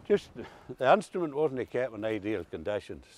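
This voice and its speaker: A man's voice: on the low side, big pitch swings, normal speed, darkish tone. An older man with an Ulster Scots accent, reminiscing in a casual chat with folksy, dialect-rich storytelling. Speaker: interviewee recalling old country life.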